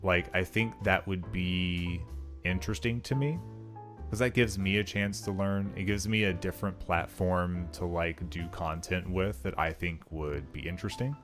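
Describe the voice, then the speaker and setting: Chatting casually on a stream over faint music, a young man with a deep, low, slightly bright voice rambles through his thoughts. He keeps a steady tone and moderate pace, filling nearly every sentence with "like."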